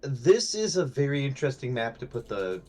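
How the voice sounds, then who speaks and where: A man co-casting a live strategy game, excitable and jokey, talking in quick bursts. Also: mid-range voice. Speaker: esports co-caster.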